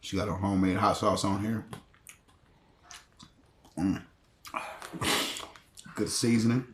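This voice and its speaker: A man's voice: fairly low pitch, steady tone, slow pace, echoey room, slight background noise. A man talking casually while chewing through a meal in a mukbang.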